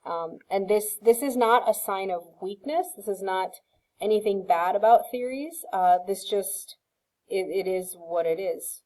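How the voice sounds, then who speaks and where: A woman's voice: medium pitch, a little slow, a little mellow, low-quality recording. A woman teacher giving a recorded screen-share science lesson, explaining patiently with frequent ums and checks of "okay?".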